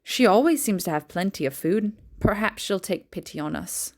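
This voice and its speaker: A woman voicing a poor widowed mother who speaks softly to her sons, resigned and tender. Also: medium pitch, animated, moderate pace, lightly acted.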